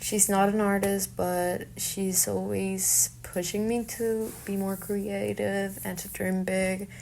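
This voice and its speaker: Her voice is medium in pitch, slow and darkish, with vocal fry and little pitch movement, over a little hiss or hum. She's a young Colombian-accented native Spanish speaker, an artist and fine arts student, informally reflecting on herself.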